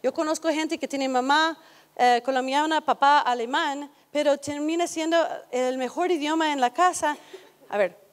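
A woman's voice: sits high, normal speed. A woman giving a conversational lecture to an audience, often putting questions to the listeners. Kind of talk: educational talk to an audience. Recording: hall reverb.

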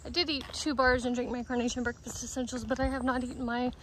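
High-voiced woman out hiking, chatting to her phone as she walks in the woods, laid back. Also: fast, a little hiss or hum, low-quality recording. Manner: relaxed, chatty, thinking aloud while walking. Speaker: long-distance hiker vlogging. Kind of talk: casual spoken trail diary. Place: outdoors on a forest trail.

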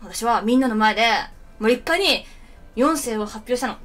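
Animated young Japanese woman streamer. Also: a little high, moderate pace, soft background music. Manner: animated storytelling, acts out quotes, laughs often. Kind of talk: casual chat.

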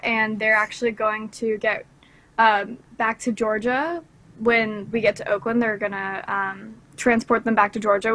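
Young woman on a video call, slightly high. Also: a bit bright. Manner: chatty, explaining with fillers. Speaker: interviewee on a cruise ship. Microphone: video call from a ship cabin.

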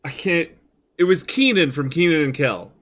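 A man's voice: a little high, expressive, moderate pace, fairly bright tone. A man in his thirties hosting a let's play, joking crudely and rambling as he plays. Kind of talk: casual gameplay chat.

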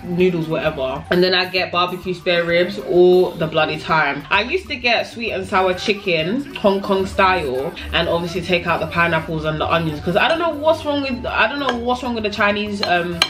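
A woman's voice: on the low side, normal speed, few pauses, a bit bright. A young woman with a London accent chatting casually in a vlog, slangy and swearing freely. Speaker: vlogger. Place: home kitchen.

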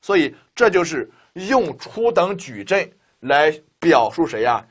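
A man's voice: on the high side, big pitch swings, measured pace, a bit bright. A man teaching a linear algebra lecture, walking students through each step with rhetorical questions. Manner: keeps asking rhetorical questions, talks students through steps. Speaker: math teacher.

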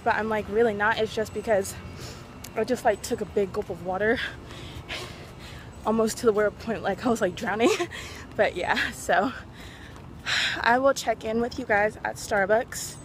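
A woman's voice: medium pitch, steady tone, normal speed, long pauses, a little hiss or hum. A young woman talking casually to the camera in a vlog, chatty and rambling with fillers. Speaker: vlogger.

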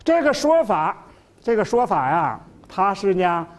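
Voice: medium pitch, big pitch swings, unhurried. A middle-aged lecturer giving a classroom lecture, full of fillers, who repeats key phrases and stretches out terms for emphasis. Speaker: university lecturer.

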